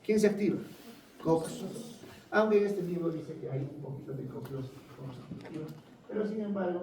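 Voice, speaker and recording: A man gives a classroom lecture and keeps putting quick questions to his students. His voice sits a little high but sounds mellow. The room is echoey, the mic is set some way off, and a faint hiss runs underneath. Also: recorded from a distance. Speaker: pharmacology lecturer.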